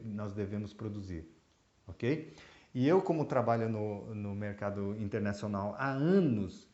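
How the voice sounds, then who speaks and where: A man from Brazil talks through mushroom exporting at a middling pitch. He hesitates often and restarts his sentences. The recording is roomy and slightly muffled. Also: mellow. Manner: hesitant, many fillers and restarts. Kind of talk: explanatory talk. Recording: roomy, dull lo-fi sound.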